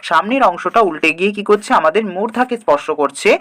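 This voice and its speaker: A man with a fairly high voice teaches a grammar lesson at a quick pace. He keeps asking rhetorical questions and answers each one himself, then goes back over the key definitions. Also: animated, sharp tone. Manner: repeats key definitions slowly. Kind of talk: grammar lesson for exam students.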